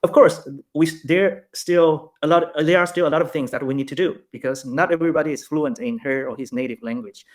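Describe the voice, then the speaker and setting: A man's voice: a little high, fairly quick, hardly any pauses. A young man from Taiwan, a polyglot guest, chatting in a friendly way over a video call and laughing often. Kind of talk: casual interview answers.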